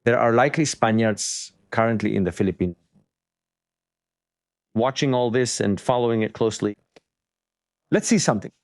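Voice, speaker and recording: A man's voice: mid-range voice, no echo, clean studio sound. A man hosting a live stream, delivering breaking news commentary in an explanatory way, repeating points for emphasis.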